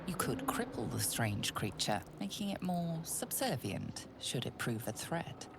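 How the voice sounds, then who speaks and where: A woman playing a solemn, ominous narrator in a fantasy video game, measured and portentous. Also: a bass voice, sing-song, vocal fry, noisy background, heavily acted. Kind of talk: dramatic scripted game narration.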